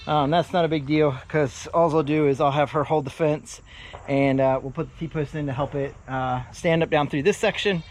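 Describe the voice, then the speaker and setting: A man's voice: on the high side, fairly even intonation, normal speed, slight background noise. A man talking casually outdoors on his farm, hot and out of breath, rambling with lots of filler sounds. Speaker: farm vlogger. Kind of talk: casual outdoor vlog narration.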